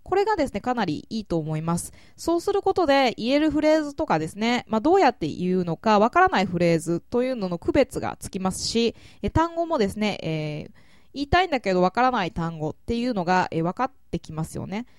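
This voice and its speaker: A woman hosting an English-learning show, answering listener questions in a polite, measured way with frequent filler pauses. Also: medium pitch, sing-song, dry recording, clean studio sound. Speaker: English learning podcast host.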